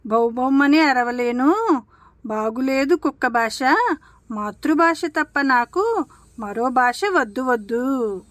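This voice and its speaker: A woman's voice: high voice, animated, takes it slowly, long pauses, no echo. A woman voicing a sad, orphaned little kitten in a storybook tale, speaking in a tearful, pleading way.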